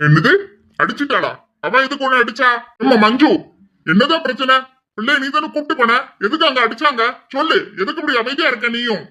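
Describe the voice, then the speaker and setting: A woman's voice: sits high, lively intonation, fairly quick, sharp tone, full character voice. Fields: a woman voicing a stern middle-aged father. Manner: insistent, questioning. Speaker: father in a family drama. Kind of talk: amateur audio drama acting.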